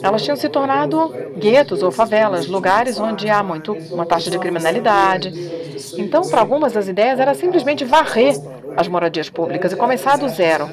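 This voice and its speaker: A woman giving an academic talk at a panel, speaking in a measured way and pausing often with fillers. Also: mid-range voice, expressive, a crowd in the background.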